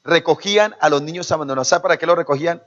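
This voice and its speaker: Colombian pastor preaching, lo-fi sound. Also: male voice, a little high, rapid-fire, fairly bright tone. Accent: Colombian Spanish. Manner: preaching with call-and-response to the congregation; acts out quoted parents in shifting voices. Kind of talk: sermon. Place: church. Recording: dull lo-fi sermon recording.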